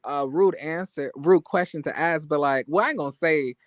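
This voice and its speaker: A man's voice: on the high side, normal speed, no echo, studio quality. A man in his twenties in a casual gossip chat, asking curious questions with many restarts. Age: 20s. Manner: curious, hesitant, full of restarts.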